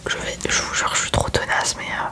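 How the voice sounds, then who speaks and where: Whispering woman doing ASMR makeup. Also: fairly quick. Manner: whispering, chatty and self-mocking. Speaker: ASMR creator.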